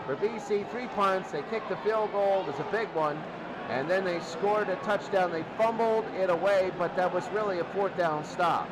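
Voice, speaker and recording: A man calls live football play-by-play and recaps in short, clipped, repetitive phrases. His voice sits high and moves at a moderate pace. Loud stadium crowd noise roars behind him, making the recording noisy.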